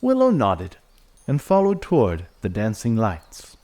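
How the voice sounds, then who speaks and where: A man gently reading a children's storybook aloud in an expressive way. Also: lowish voice, unhurried, very noisy. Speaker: narrator.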